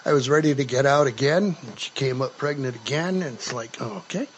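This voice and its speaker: A man's voice: mid-range voice, fairly quick. A man in his seventies hosting a casual live stream chat, rambling and hesitant with lots of fillers and laughing often. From United States. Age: 70s. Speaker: host. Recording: dull lo-fi live stream audio with faint noise.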